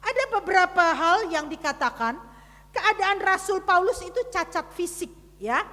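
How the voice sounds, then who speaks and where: A woman preacher tells a story to her congregation, talking to them directly and swinging from hushed to loud. Her voice is very high and sharply bright. It rings out with the long reverb of a church hall. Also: expressive, normal speed. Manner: dramatic storytelling with big swings in loudness. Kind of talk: sermon. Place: church service.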